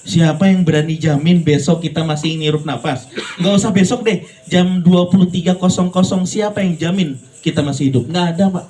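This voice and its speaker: An Islamic preacher delivers a lively, joking sermon directly to his congregation, shifting between playful high voices and low, earnest tones. The pace is brisk and the recording quality is low.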